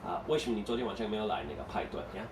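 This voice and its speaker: A man's voice: lowish voice, lively intonation, racing, a little hiss or hum. Man, English teacher, classroom lesson, explains step by step, echoey, distant mic. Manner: explains step by step, asks students questions. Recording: echoey room, mic far off.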